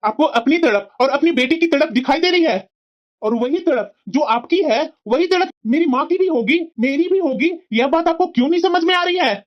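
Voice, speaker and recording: A woman's voice: sits high, expressive, fairly quick. A woman voicing a stern young cartoon husband. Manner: lecturing, firm and reproachful. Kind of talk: cartoon family drama voicing. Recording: dull lo-fi sound.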